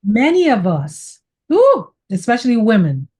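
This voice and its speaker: A woman's voice: on the high side, huge pitch swings, a little slow, darkish tone, husky. A woman from Saint Kitts hosts a reflective interview, speaking in an effusive, affirming way and repeating phrases for emphasis. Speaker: podcast host.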